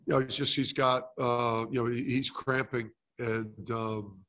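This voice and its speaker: A man's voice: mid-range voice, steady tone, a little slow, fairly bright tone. A middle-aged man, a head basketball coach, answering questions at a postgame press conference with many fillers and restarts. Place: press conference room with sponsor backdrop. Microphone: table mic close in front.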